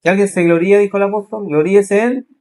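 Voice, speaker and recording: A male pastor preaching a sermon, rising into emphatic questions and slowing to stress key phrases. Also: high-pitched, fairly even intonation, darkish tone.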